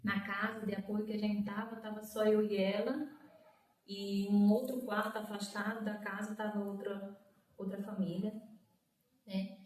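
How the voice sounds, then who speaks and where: Recorded from a distance in an echoey room with a little hiss or hum, a guest woman tells an emotional personal testimony. She narrates at a moderate pace with little pitch movement and a darkish tone. When quoting others, she acts out their voices with rising pitch.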